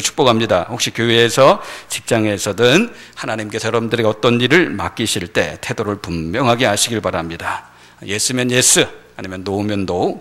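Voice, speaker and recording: A man's voice: on the low side, gravelly, fairly bright tone. A male pastor preaching a Sunday sermon in church, emphatic, repeating key phrases and asking his congregation rhetorical questions. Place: church sanctuary.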